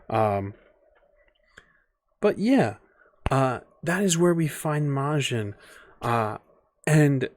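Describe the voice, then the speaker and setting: A man narrating as game master of a tabletop game, loose and thinking aloud with many fillers. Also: mid-range voice.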